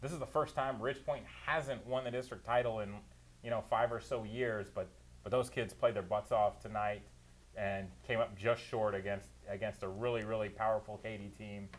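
Speaking at a normal speed in a lowish voice with fairly even intonation, this man is a producer and analyst on a talk show. He offers detailed play-by-play football recaps, full of opinions and easy laughter.

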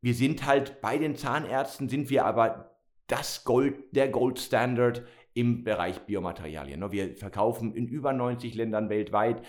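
Hesitant middle-aged executive from Spain. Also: male voice, medium pitch, normal speed, darkish tone. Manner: hesitant, many fillers and restarts. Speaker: company CEO. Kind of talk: interview conversation.

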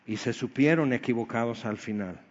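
A man preaching a Sunday sermon in an animated way, swinging between loud exclamations and quiet low asides. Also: moderate pace. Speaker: pastor. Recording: dull sound with long hall reverb.

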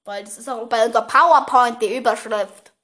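A teenage girl chatting casually as podcast host, giggly and teasing, talking fast. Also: on the high side, a bit bright. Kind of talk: casual chat.

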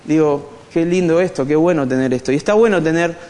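A man with a Rioplatense Spanish accent leads an animated, joking Bible study, speaking directly to the group in a church hall. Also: a little high, fast talker. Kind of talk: conversational church teaching. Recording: long hall reverb.

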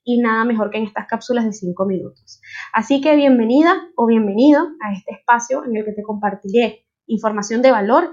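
A Venezuelan woman with a fairly high voice, talking to listeners in an earnest, personal, conversational way. She has a Venezuelan Spanish accent. The recording is somewhat dull and lo-fi. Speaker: podcast host. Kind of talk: podcast introduction monologue.

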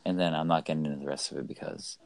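Low gravelly young man, teasing. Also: steady tone, racing, a little mellow. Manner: teasing, banters and interrupts. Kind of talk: casual chat among friends.

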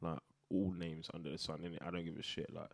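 A man's voice: low-pitched, little pitch movement, fast, creaky, no room sound, studio quality. A young man with a London street accent, debating bluntly and casually in heavy slang. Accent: London, urban street. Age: young adult.

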